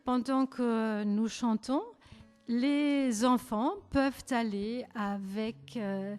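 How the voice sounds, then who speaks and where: A woman with a German accent leading a church service, speaking gently and hesitantly with frequent pauses and self-corrections. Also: on the high side, smooth, soft background music. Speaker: service leader. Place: church hall. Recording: long church-hall reverb.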